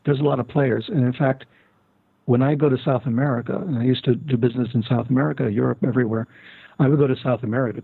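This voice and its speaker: A man's voice: medium pitch, husky, dry recording. An older man talking as a guest, telling stories at length with many fillers and restarts. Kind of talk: casual interview talk. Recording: tinny phone-line sound.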